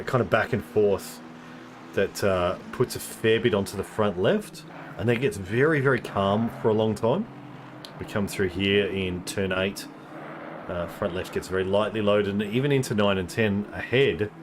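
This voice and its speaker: Give me a low-voiced man doing live race commentary, thinking aloud with lots of ums. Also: noisy background. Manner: thinking aloud, explaining tyre details with many ums. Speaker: sim racing commentator.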